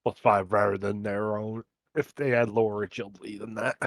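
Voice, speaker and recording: A man taking part in a tabletop session, pausing to work through modifiers and rules as he talks. His voice sits low and even-tempered. The tone is casual chat. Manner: works through game numbers aloud. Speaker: player.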